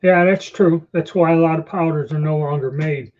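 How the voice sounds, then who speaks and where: Male livestream host: relaxed, rambling chat, slight false-teeth impediment, dull lo-fi audio. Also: a little high, moderate pace. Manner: rambling, conversational. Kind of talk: casual livestream chat answering viewers. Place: small storeroom or office, indoors.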